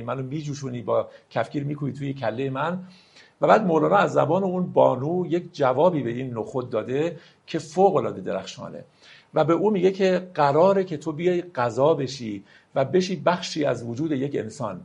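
A man teaching classical poetry, telling a parable and then reciting verses slowly and explaining them in quicker asides. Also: medium pitch, creaky, darkish tone, breathy edge. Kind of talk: lecture with slow poetry recitation.

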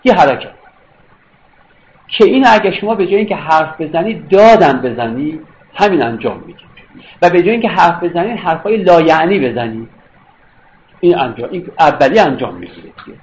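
Man lecturing, lively rising and falling pitch, keeps rephrasing and asking if you follow, dull lo-fi sound, faint hiss. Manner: explanatory, repeats and rephrases, checks understanding with questions. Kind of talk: philosophy lecture. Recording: dull lo-fi recording with faint noise.

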